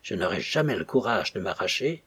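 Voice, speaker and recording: A man reading the lines of a tense, anxious young man in an audiobook, with a husky voice. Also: low-pitched, big pitch swings, brisk, a bit bright, heavily acted.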